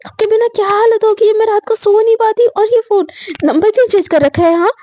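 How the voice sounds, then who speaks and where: A woman's voice: high voice, fairly even intonation, normal speed, dark tone, lightly acted. A woman voicing a jealous, possessive girl. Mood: pleading. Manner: fierce, demanding, pleading when hurt.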